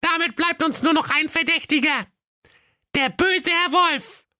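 A man voicing a young girl detective, bossy and triumphant, in a squeaky falsetto. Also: moderate pace, dry recording, studio quality. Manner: squeaky falsetto, sharp and commanding.

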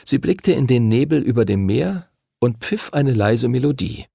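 A man narrates a story in an expressive, animated audiobook voice. His delivery swings widely in pitch and carries a gravelly texture. The recording is dry and close. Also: moderate pace, dry recording.

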